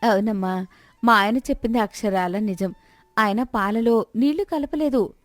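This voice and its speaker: A woman voicing a clever young village wife who explains calmly and reproaches, in a dry recording. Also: mid-range voice, normal speed, no room sound, soft background music, close to an everyday voice. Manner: calm, reasoning, then bitterly reproachful. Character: clever calm young wife, poor milkman's spouse.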